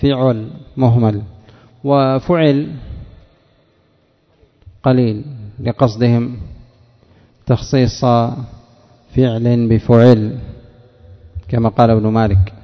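A man teaching a grammar lesson, quizzing students by name and spelling out word patterns deliberately, in what sounds like a classroom. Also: mid-range voice, fairly even intonation. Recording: echoey room, dull lo-fi sound.

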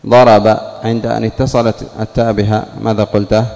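Arabic grammar teacher in a reverberant hall. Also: male voice, lowish voice, flat delivery, a little fast, creaky, mellow. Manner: repeats key points and questions the students. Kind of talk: classroom lesson. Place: classroom.

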